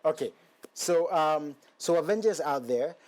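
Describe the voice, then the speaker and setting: A man's voice: a little high, animated, a little slow, darkish tone. A man hosting a casual interview in Ghana, friendly and encouraging, calling his guest bro. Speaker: show host. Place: Ghana studio.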